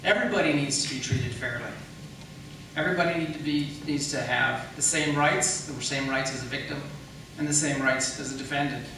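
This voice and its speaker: In a large echoey room at a public debate, a county attorney candidate gives an argumentative rebuttal, working through points step by step and posing questions. The man has a medium pitch and fairly even intonation, talking a little fast. His voice is picked up by a distant mic with faint noise.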